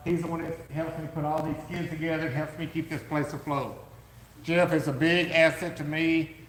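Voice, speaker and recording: A man co-hosting a live podcast from a warehouse, pitching his gear with eager, salesman-like energy, his voice going hoarse. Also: little pitch movement, moderate pace, a bit bright, reverberant, in a large hall, a little hiss or hum, low-quality recording. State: losing his voice. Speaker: podcast co-host, business owner. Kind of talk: casual live podcast chat.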